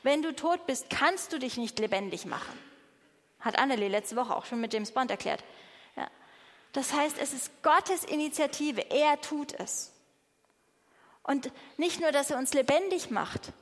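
A woman preaching a sermon with fervent emphasis and soft, hushed appeals, addressing a congregation in a church. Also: high voice, measured pace. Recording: reverberant hall.

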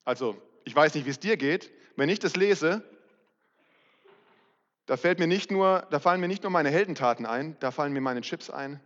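A man's voice: fairly high pitch, expressive, moderate pace, a bit bright. Brief: middle-aged male pastor, candid, self-mocking sermon voice, muffled reverberant hall recording.

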